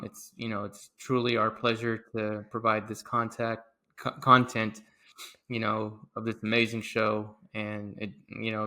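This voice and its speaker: A laid-back male podcast co-host with a bright, tense tone and very flat pitch. He talks casually and mostly chimes in with short agreements.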